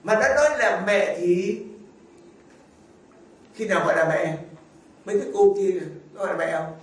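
High-voiced priest in a booming church. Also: male voice, normal speed. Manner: questions the congregation directly. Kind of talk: sermon. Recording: very echoey, mic far off.

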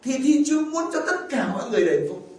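High-voiced priest preaching in an echoey church. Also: male voice, very animated, racing, darkish tone. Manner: asks the congregation rhetorical questions. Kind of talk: sermon. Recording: very echoey, far from the mic, faint ambience.

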